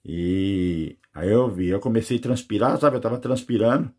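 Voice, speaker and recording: A man's voice: lowish voice, moderate pace, darkish tone, breathy edge. A Brazilian man recounting a personal experience, rambling with many fillers. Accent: Brazilian Portuguese. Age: adult with children. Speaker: near-death experience witness. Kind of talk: personal testimony.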